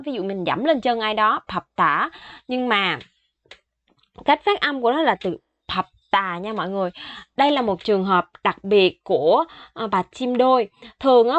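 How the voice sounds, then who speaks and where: A woman's voice: on the high side, a bit bright, no room sound, highs cut off. A woman teaching a vocabulary lesson, patiently explaining each word and repeating it several times. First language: Vietnamese. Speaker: Korean language teacher.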